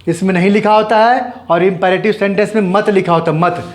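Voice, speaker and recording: A man's voice: sits high, steady tone. A man teaching an English grammar lesson, explaining step by step and answering his own questions. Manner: spells out letters slowly and repeats words.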